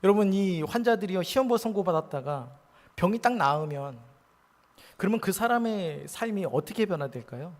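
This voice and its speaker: A man preaching a sermon as pastor, earnest, swinging between hushed and emphatic delivery. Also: high-pitched, animated, moderate pace. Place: church sanctuary. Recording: long church reverb.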